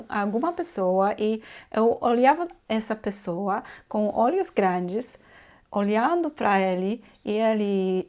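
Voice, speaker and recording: Slow-talking woman. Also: medium pitch, darkish tone. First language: Polish. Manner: hesitant, searching for words. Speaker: co-host. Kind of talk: casual storytelling.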